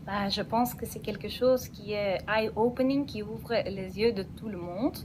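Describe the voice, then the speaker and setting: A native Dutch speaker, this woman talks in French with a slight Belgian Dutch accent as a guest representing a program in a radio studio, explaining it enthusiastically and restarting often. Her mid-range voice is unhurried, and the background is noisy.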